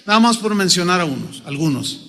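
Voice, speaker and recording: A man preaching a sermon as pastor, animated and playful as he acts out the people in the story. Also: sits high, a little fast, gravelly, in a large hall. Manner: animated, acts out biblical figures with humor.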